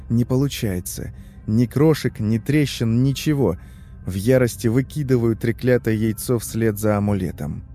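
A man narrating a first-person horror story in a tense, measured way. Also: medium pitch, mellow.

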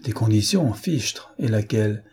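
A man voicing a grumpy middle-aged warrant officer in a legion barracks, gruff and grumbling. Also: lowish voice, expressive, a little slow, dark tone, heavily acted.

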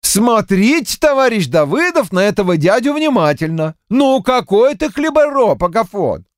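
A man's voice: sits high, sing-song, normal speed, no room sound, pitched above the performer's own voice. A man voicing a sly village accountant who teases a farmer in a dry close recording. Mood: teasing. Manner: teasing, needling.

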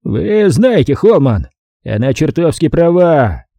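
A man voicing a blustering, loud middle-aged male studio boss with a hoarse, bellowing voice, read as an audiobook character. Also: a little high, very animated, takes it slowly, no room sound, pitched above the performer's own voice, heavily acted. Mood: angry. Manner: shouts and gloats.

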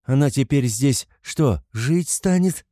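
A man's voice: medium pitch, expressive, takes it slowly, mellow, no room sound, clean studio sound, voice pushed up. A man voicing a flustered young son. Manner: nervous, defensive. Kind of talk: audiobook character voice.

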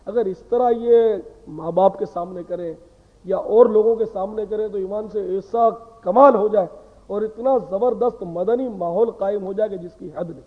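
A man giving a sermon, talking in an earnest, conversational way that lectures and asks rhetorical questions. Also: high voice. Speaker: preacher. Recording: tinny phone-like sound with long hall reverb.

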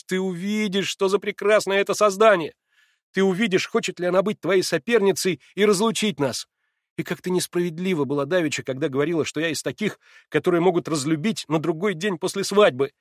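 A man reading aloud, voicing an excitable young man who pleads and swears his love with growing heat. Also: on the high side, a little fast, no echo, clean studio sound, pitched above the performer's own voice, natural voice. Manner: heated, excitable, swearing oaths.

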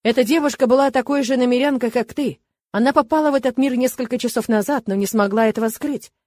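A woman reading an audiobook, voicing a mysterious, quietly mocking man speaking from the darkness. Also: on the high side, quick pace, no echo, studio quality, close to an everyday voice. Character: mocking mysterious male voice from the dark.

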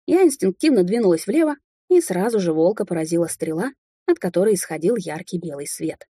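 A woman narrating a fantasy novel in the first person, with lively, emotional storytelling. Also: fairly low pitch, brisk, breathy edge, no room sound, clean studio sound. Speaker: audiobook narrator.

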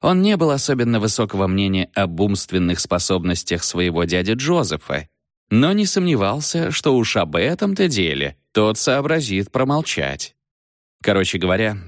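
A man narrating a comic novel as an audiobook in an expressive reading style. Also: fairly low pitch, no room sound, studio quality. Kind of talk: scripted narration.

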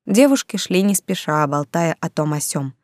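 A woman narrating a story in an even, measured reading. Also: deep voice, no room sound, studio quality.

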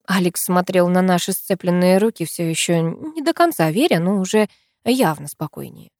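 A woman narrating an audiobook in the first person, with an even storytelling manner. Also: on the low side, normal speed, no room sound, clean studio sound.

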